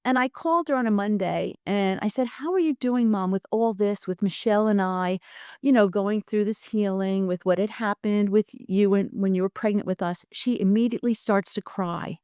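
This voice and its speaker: A woman in her sixties recounts a family story on a podcast, chatty and acting out the voices of relatives. Her voice sits at a middle pitch. The sound is dry and close, with no room around it. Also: moderate pace, darkish tone, clean tone, no echo. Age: 60s. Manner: chatty, acts out quoted family dialogue. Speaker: guest. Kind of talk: personal storytelling in conversation.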